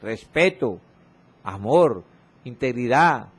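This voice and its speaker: A man preaching a sermon, reading scripture slowly and repeating exhorting refrains, with his voice often dropping low and soft for emphasis. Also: animated, husky. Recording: radio broadcast of a church sermon.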